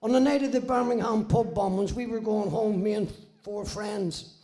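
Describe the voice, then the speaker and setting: A man's voice: high-pitched, steady tone, normal speed, creaky, dark tone. A Northern Irish man in his sixties from Belfast, telling his own story in a blunt, salty, wry way and swearing freely. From Belfast, Northern Ireland. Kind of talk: casual spoken storytelling.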